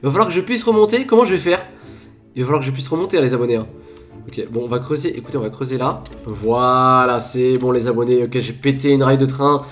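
Speaking fast at a medium pitch, a gaming video creator with a cold-clogged voice offers chatty, playful Minecraft commentary. Laughing shouts break out often, with faint music behind him.

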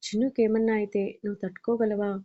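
A woman voicing a caring young mother who gently and persuasively scolds, in a slightly dull recording. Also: medium pitch, little pitch movement, quick pace, natural voice.

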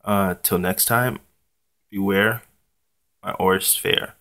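Slow, low-voiced young man, laid-back. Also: steady tone, fairly bright tone. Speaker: trading card channel host. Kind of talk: casual unboxing vlog talk.

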